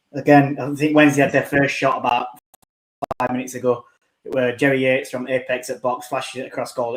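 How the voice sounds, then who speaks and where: A man with a Geordie accent giving an unhurried live update from a quiet football match. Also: medium pitch, echoey room. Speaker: match reporter at the ground.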